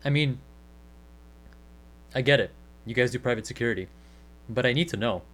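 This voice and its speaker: Man as mid-pitched, blunt investigator Agent Hirsch. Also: moderate pace, close to an everyday voice. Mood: probing, offhand. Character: blunt, casual, sceptical male government agent interrogating. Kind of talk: naturalistic radio play acting.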